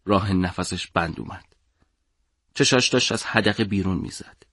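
A man narrating a story for an audiobook in a measured, dramatic way. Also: sits low, a bit bright, dry recording, studio quality.

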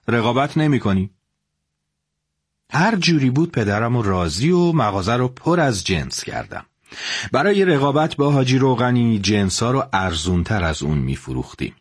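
Husky male storyteller, lively delivery. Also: fairly low pitch, dry recording, clean studio sound. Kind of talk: first-person story narration.

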